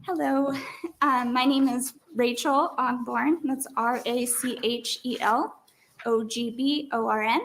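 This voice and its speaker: Emotional mother, middle-aged, high voice, testimony with a shaking delivery. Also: steady tone, slow pace, a little hiss or hum. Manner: emotional, voice breaking, tearful. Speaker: parent testifying at a hearing. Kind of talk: public testimony.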